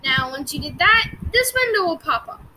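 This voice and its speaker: Super high-pitched bright woman doing a chill tech how-to, chatty and giggly, lots of fillers, faint hiss and clicks. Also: very animated, normal speed, poor audio. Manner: giggly, breaks into fits of laughter. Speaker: tech tutorial host. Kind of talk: casual screen-recorded tutorial.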